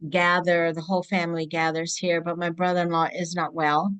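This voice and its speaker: A woman born in Greece speaks as an interview guest over a video call. Her voice sits a little low, and she talks in a thoughtful, halting way, often pausing and restarting her sentences. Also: flat delivery, fairly bright tone, clear, resonant tone. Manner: reflective, halting, with frequent restarts. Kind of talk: casual interview chat.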